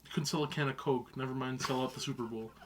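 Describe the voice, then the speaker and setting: A man's voice: mid-range voice, fairly even intonation, fast talker, background noise. Sarcastic young man cohosting. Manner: sarcastic, swears freely. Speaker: co-host. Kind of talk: casual podcast banter.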